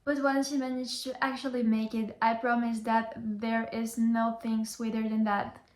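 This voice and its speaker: A young adult woman, a Chinese tutor whose first language is Bulgarian, gives an earnest motivational vlog talk straight to the camera, repeating key phrases to drive them home. Her slightly high, darkish voice moves little in pitch and keeps a moderate pace. The room is roomy and echoey.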